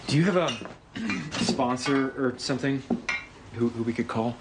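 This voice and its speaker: An actor playing a patient, concerned man who talks softly and calmly. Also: medium pitch, a little slow, noisy background, natural voice. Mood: gentle. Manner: soft, calming. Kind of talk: TV drama acting.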